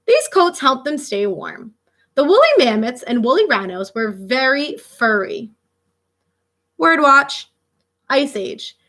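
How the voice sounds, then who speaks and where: A female teacher reads a children's picture book aloud with lots of expression and emphasis, pausing for asides and questions aimed at her young audience. Her voice sits a little high.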